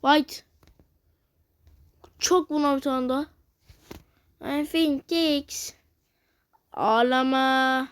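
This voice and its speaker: Woman, let's-play commentator, high and unhurried, cursing and heckling the game. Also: steady tone. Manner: cursing, teasing, reacting loudly to the game. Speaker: gamer playing a video game.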